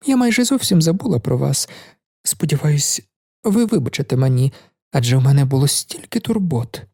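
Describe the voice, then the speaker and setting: A man's voice: fairly high pitch, expressive, normal speed, vocal fry, warm tone, no echo, studio quality. A man reading a novel aloud, voicing a proud, cold young woman in a raised voice with a cool, mocking manner.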